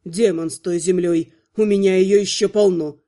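Женщина играет вкрадчивого архивампира. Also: female voice, on the low side, steady tone, normal speed, mellow, voice pushed down, close to an everyday voice. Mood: suave. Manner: smooth, purring, politely mocking. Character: suave, charming male archvampire ruler.

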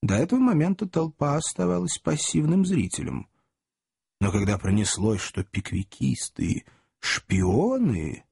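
A man narrating a classic novel as an audiobook, reading in a theatrical, expressive way. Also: medium pitch, husky, no echo, clean studio sound.

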